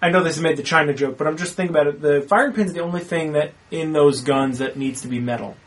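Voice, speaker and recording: Man, fairly high voice, thinking aloud, nitpicky, casual movie talk. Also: fast. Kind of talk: casual movie podcast chat.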